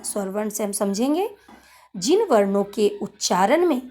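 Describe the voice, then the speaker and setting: A woman teacher explaining a grammar lesson to children, repeating key points in a deliberate way. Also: medium pitch, a little mellow. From India. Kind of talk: slow classroom lesson explanation.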